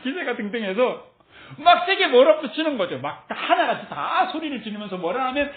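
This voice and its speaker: A woman's voice: sits high, big pitch swings, a little fast. A woman teaching a Bible passage in a sermon style, asking her listeners many rhetorical questions and laughing lightly between phrases. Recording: tinny phone-like sound with roomy echo.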